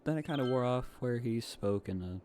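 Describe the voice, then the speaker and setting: A young man from the southeastern United States, with a light Southern accent, rambles casually over his gameplay as a gaming YouTuber. His medium-pitched voice is expressive and a little fast, full of fillers and asides. There's background noise and faint music behind him.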